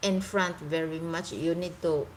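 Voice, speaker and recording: On a casual live stream, a Filipino woman whose first language is Cebuano talks with viewers in a Visayan-accented English, pausing frequently to find words. She has a lowish, fairly even voice at a moderate pace, recorded on a phone with slight background noise.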